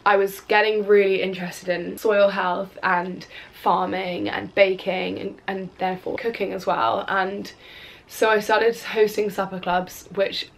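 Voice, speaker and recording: Sitting in her bedroom at home, a cook and influencer from Wales in her twenties speaks to a camera on a tripod, answering viewer questions in a chatty, rambling way full of fillers and restarts. Congested from a cold, her gravelly mid-range voice stays level and measured, and the low-quality recording has a bit of hiss or hum.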